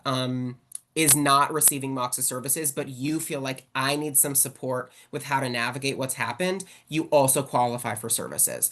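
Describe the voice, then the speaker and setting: A woman giving a casual webinar talk as a guest presenter, talking in a chatty way with lots of "like". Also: a bass voice. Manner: chatty, fills with "like". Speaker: guest presenter on sexual violence support.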